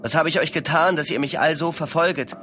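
A man voicing a desperate accused man who pleads and stammers in his distress, his voice raised higher than his narration. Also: quick pace, pushed and bright, soft background music. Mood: pleading. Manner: high-strung, imploring.

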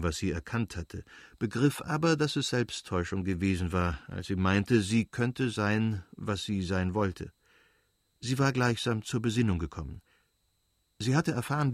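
Measured male audiobook narrator. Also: lowish voice, dry recording, studio quality. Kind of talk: scripted narration of a classic novel.

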